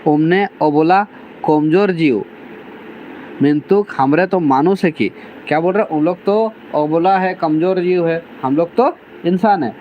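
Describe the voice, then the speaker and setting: A man's voice: on the high side, unhurried, lo-fi sound, a little hiss or hum. A man, teaching a class by reading lines from a novel and explaining each one in plain words. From Jharkhand, India. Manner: reads dialect lines aloud, then restates them plainly with many 'theek hai' fillers.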